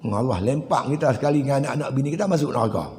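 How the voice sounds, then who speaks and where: An older man, a religious teacher giving a sermon, telling stories with dramatic swings between loud high bursts and low, quiet lines. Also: expressive, rapid-fire. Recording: echoey hall with long reverb.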